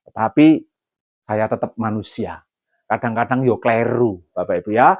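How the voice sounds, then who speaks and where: A male pastor with a Javanese accent preaching a sermon, lively and joking, slipping into Javanese asides. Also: on the low side, moderate pace, no echo. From Central Java, Indonesia.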